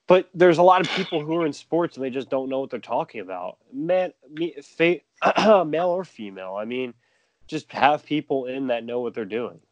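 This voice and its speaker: A man's voice: mid-range voice, lively intonation, normal speed, no echo, muffled recording. Earnest man in casual sports chat. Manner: earnest, says "dude" and "man".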